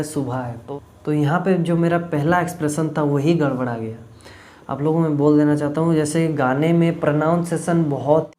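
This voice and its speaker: A man's voice: fairly high pitch, warm tone. A young man from Jharkhand telling about an audition in a casual vlog, rambling with frequent fillers. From Jharkhand, India. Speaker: YouTube vlogger. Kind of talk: casual talk to camera.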